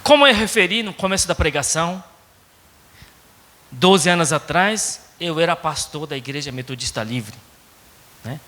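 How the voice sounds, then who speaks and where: A man's voice: fairly high pitch, expressive, moderate pace, pauses often, pushed and bright, in a large hall. A man from Japan with a Japanese accent preaching a sermon in a conversational way, often adding little tag questions. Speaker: pastor. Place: church sanctuary.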